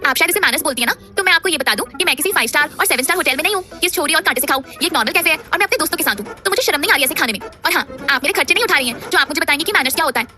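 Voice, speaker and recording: A woman voicing a feisty, outspoken young college girl with quick, teasing comebacks. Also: high-pitched, lively intonation, bright, forceful tone, voice pushed up, exaggerated voice. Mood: sassy. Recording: background music under voice.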